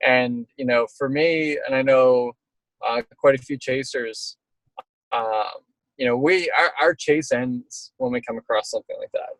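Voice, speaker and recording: A man's voice: mid-range voice, measured pace, a bit bright, no room sound, rough recording. A middle-aged man speaking as an interviewed storm chaser, casual and reflective, talking in rambling stop-start phrases.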